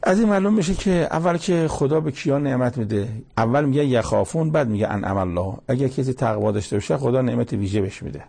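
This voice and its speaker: A man's voice: mid-range voice, creaky, mellow, husky. A male preacher giving a colloquial sermon that explains scripture, telling anecdotes and breaking into emphatic exhortations.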